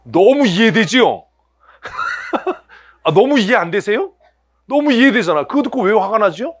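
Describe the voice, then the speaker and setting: A man's voice: high voice, big pitch swings, a little slow, fairly bright tone. A male pastor preaching a sermon to his church, asking the congregation rhetorical questions and acting out everyday scenes in other voices. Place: church sanctuary.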